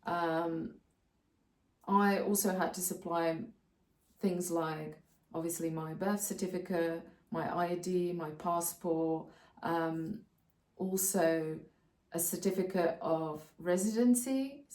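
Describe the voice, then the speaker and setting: Woman, low voice, roomy. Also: steady tone, slow pace, darkish tone, distant mic. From Slovakia. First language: Slovak. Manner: practical, step-by-step explaining with frequent hesitations. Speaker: co-host of a channel about moving abroad. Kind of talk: casual explanatory vlog talk. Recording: roomy sound, voice off-mic.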